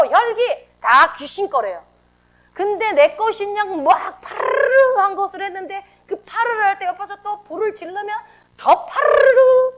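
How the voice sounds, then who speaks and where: Woman pastor, high and very lively pitch, sermon with rhetorical questions. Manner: animated, rhetorical questions, acts out emotional outbursts.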